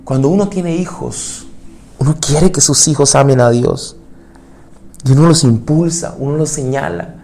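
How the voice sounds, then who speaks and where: Male pastor, mellow gravelly voice, fervent sermon delivery, hushed pleas rising to loud peaks, direct questions to the congregation. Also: mid-range voice, a little slow, slight background noise. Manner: fervent preaching, swinging between hushed pleas and loud climaxes; asks the listener direct questions.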